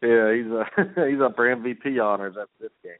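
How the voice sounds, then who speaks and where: A man's voice: mid-range voice, quick pace, no echo. A man hosting a sports talk show, fired up and rambling as he jumps from game to game. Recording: tinny phone-like line, dry.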